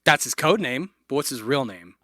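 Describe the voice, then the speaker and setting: A man hosting a casual trivia segment on a podcast, playful and quick to laugh. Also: medium pitch, animated, bright, forceful tone, dry recording. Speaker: quiz host. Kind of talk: casual radio podcast chat.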